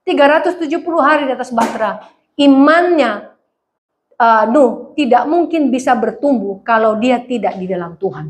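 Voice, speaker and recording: A middle-aged woman pastor, preaching a lively conversational sermon and acting out voices. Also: a little high, normal speed. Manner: animated, acts out voices, laughs often.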